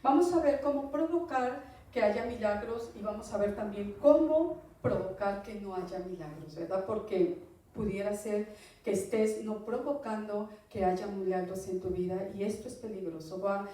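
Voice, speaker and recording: A woman preaching a Bible teaching sermon in a conversational tone, often asking listeners "right?" and pausing on fillers. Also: medium pitch, mellow. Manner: conversational, often asks "¿verdad?", hesitant fillers. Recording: echoey room, voice from far off.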